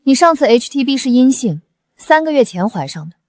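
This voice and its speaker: An actress playing a cool, composed young pregnant designer who answers in cutting, measured lines. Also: female voice, sits high, big pitch swings, darkish tone, no echo, clean studio sound, faint music behind. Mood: cold. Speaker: chief designer.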